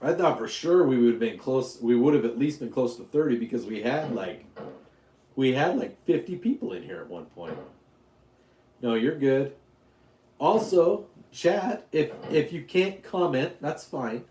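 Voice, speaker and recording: A man's voice: mid-range voice, lively intonation, measured pace, dark tone, reverberant, a little hiss or hum. A man from Utah hosting a casual live stream, rambling, joking and answering questions from his chat. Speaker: YouTube livestream host.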